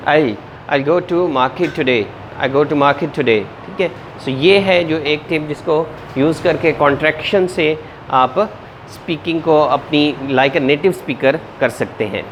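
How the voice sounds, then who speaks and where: A man teaching a spoken English lesson, mixing Urdu and English and modeling words slowly and deliberately. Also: fairly high pitch, slight background noise. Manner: mixes Urdu-Hindi with English.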